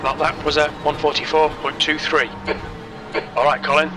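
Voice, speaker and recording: A man voicing a racing spotter who gives terse pit radio calls, clipped and flat, about gaps, fuel and traffic. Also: fairly high pitch, moderate pace. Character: calm male racing spotter on team radio. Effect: terse pit radio call. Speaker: race spotter and crew chief. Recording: distant voice over loud engine noise. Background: race car engine roar.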